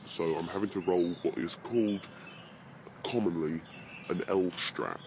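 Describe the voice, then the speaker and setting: Deep-voiced British man rambling outdoors. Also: a little mellow, dull audio, slight background noise. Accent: British English. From Britain. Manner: rambling, swears freely, chuckles often. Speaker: podcast host. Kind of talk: casual rambling monologue. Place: outdoors in a forest. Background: birdsong.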